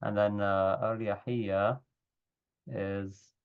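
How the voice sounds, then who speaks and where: A man's voice: fairly low pitch, fairly even intonation, drawn-out words, smooth. A man teaching an Arabic text over a video call, explaining word roots step by step, his volume rising and dropping unevenly as the connection cuts out. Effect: uneven volume from a cutting-out internet connection. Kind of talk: online class explaining a text. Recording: dull lo-fi online call audio.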